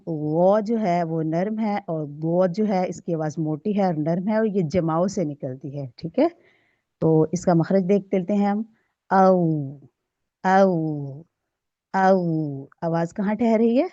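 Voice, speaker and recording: A woman teaching Quran recitation rules. She sounds each letter out slowly and often stops to check that the listener follows. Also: lowish voice, dark tone, dry recording, lo-fi sound. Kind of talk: recorded tajweed lesson.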